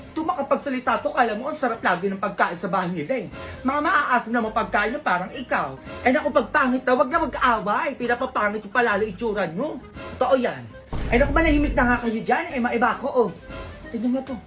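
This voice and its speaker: A woman performing a comedy skit in a teasing, bantering way. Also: fairly high pitch.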